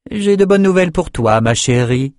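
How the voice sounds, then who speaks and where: A bossy scholar lady with a high sugary voice that talks down to people, insistent and possessive, in a storybook reading, as a male reader puts her on. the sound is dry and close. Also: animated, normal speed, a little mellow, no room sound, lightly acted. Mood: sweet. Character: imperious woman, chief of scholars, possessive.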